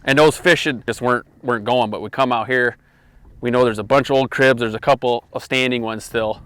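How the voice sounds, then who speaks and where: A man's voice: mid-range voice, fairly quick, clean tone. Chatty man fishing from a boat. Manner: chatty, excited when landing fish. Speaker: fishing show host. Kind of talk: casual on-the-water fishing commentary. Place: outdoors on a boat on a lake.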